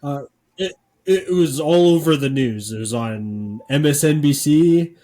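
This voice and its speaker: A man co-hosting a podcast, talking casually with deadpan sarcasm and lots of filler words. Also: fairly high pitch, unhurried. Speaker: podcast co-host.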